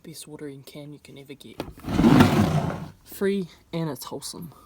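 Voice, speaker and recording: A woman's voice: sits low, moderate pace, very noisy. Young New woman. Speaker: vlogger. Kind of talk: casual vlog talk to camera. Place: indoors, speaking to camera.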